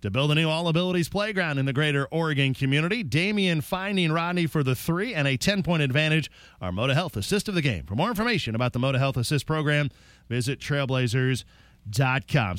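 A man's voice: a little high, animated, fast talker, fairly bright tone, no echo. Dry-sounding man recapping a game. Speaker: sports radio host.

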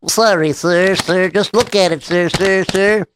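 A man voicing an excitable, gossiping male villager, repeating words frantically. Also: high voice, unhurried, a little hiss or hum, pitched above the performer's own voice. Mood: frantic.

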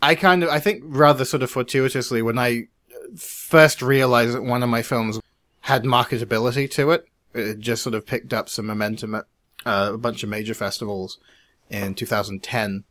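A man who is an independent filmmaker, co-hosting a casual podcast chat in a measured, reflective way, his sentences trailing off quietly. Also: mid-range voice, fairly even intonation.

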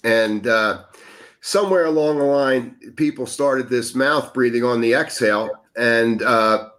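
A man guesting on a casual podcast coaches listeners on breathing in a mid-range, fairly bright voice, speaking a little slowly. He's earnest throughout and sometimes grows emphatic.

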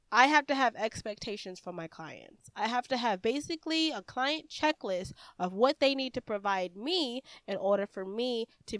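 A woman hosts a casual advice podcast, speaking in an emphatic, repetitive way and often tossing in "right?" to check in. Her voice is smooth and clear at a middle pitch. The recording is dry and close, with no room sound. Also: fairly bright tone, no echo. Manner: emphatic, repeats key phrases, asks "right?" often. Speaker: podcast host. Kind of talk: casual instructional podcast talk.

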